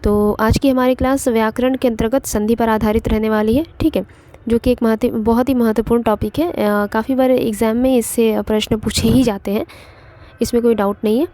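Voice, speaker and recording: A woman's voice: fairly high pitch, fairly even intonation, fairly quick, warm tone. A woman teaching an online exam-prep grammar lesson, explaining step by step and repeating points with frequent fillers.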